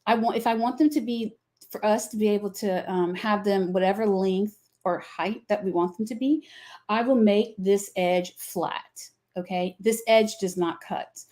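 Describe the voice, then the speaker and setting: A woman's voice: medium pitch, darkish tone. A middle-aged woman with a Southern accent hosts a live craft product demonstration, chatting in a folksy, rambling way. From American South. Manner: chatty, folksy, explains with many fillers. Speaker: craft company host.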